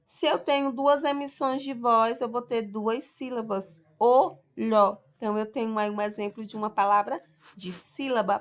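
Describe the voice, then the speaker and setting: A woman teacher giving a recorded lesson for sixth graders, explaining step by step and drawing out each example word slowly, often checking in with "tá?" and "ok?". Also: a little high. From Brazil.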